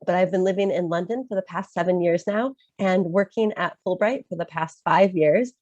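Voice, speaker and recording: Recovering from a cold, a Chicago woman in her thirties with an American accent hosts an informational webinar as a study-abroad advisor, filling pauses with frequent ums. Her voice is fairly low and a little mellow at normal speed, and the recording is muffled, though without echo.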